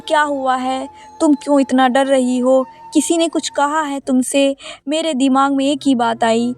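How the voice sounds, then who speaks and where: A woman's voice: sits high, a little mellow. A woman reading an emotional first-person story aloud as a storyteller, telling it from a husband's side. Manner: reads a first-person tale in a man's voice. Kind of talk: scripted story narration.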